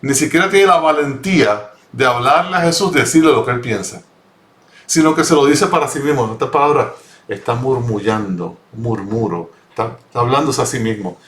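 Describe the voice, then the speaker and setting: A man's voice: medium pitch, moderate pace, fairly bright tone. Earnest male Bible teacher, roomy echo. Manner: earnest, repeats and rephrases phrases.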